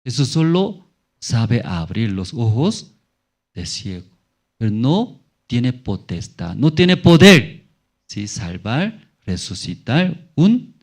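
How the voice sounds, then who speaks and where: Questions to the congregation fill this call-and-response Sunday sermon, preached in church by a male pastor. His voice is a little high, and his delivery is slow and lively.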